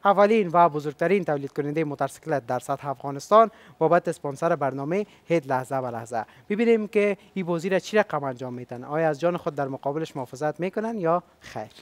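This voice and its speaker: A man's voice: on the high side, lively intonation, hardly any pauses. A man with an Afghan Dari accent hosting a game show, upbeat and chatty, coaxing the contestants with questions.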